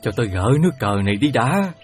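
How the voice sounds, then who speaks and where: An actor playing a heavenly god disguised as an old beggar, speaking in a slow, halting, sly way. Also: male voice, medium pitch, sing-song, faint music behind, close to an everyday voice. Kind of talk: radio play acting.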